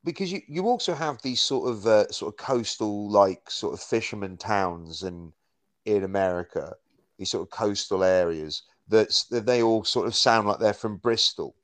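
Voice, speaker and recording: A man with a fairly low voice co-hosts a casual film podcast. He rambles through his points, leaning on "like" and restarting sentences as he goes. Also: moderate pace, a bit bright. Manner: rambling, heavy use of "like". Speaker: podcast co-host. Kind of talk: casual film review chat.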